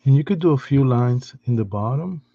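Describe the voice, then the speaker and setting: A man giving a step-by-step drawing lesson in a patient, soft-spoken way, often restarting his sentences. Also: medium pitch, animated, a little fast, dry recording, lo-fi sound. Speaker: art teacher.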